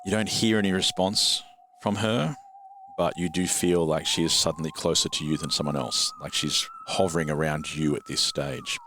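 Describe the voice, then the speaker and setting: A man with a very low voice narrates a tabletop game as dungeon master, wry and unhurried, with frequent fillers. A faint hiss sits in the background. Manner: relaxed, wry, hesitant with fillers.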